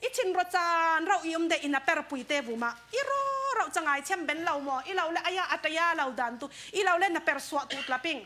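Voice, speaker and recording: A woman's voice: very high-pitched, quick pace, hardly any pauses, bright, forceful tone. A woman preaching a sermon in a conversational way, dropping in English words now and then.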